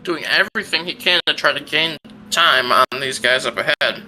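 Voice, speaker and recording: A man's voice: fairly high pitch, normal speed, sharp tone, slight background noise, low-quality recording. A man co-commentating on a live motor race in an informal, conversational way. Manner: informal, conversational, joking asides.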